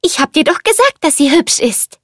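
A woman's voice: high voice, big pitch swings, moderate pace, a bit bright, no echo, clean studio sound, voice pushed up. A woman voicing a small, cheerful teacup boy in a storybook reading, with eager, childlike chatter. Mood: excited.

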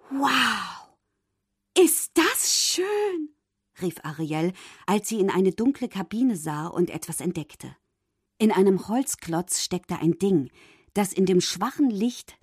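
A woman narrating a children's storybook in an expressive, dramatic reading. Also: lowish voice, slightly rough, no room sound, clean studio sound.

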